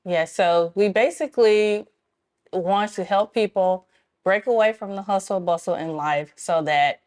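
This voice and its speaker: A woman's voice: medium pitch, unhurried, darkish tone. A woman from Memphis, Tennessee, a club co-founder speaking as an interview guest, friendly and explanatory, laughing often. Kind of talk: casual interview talk.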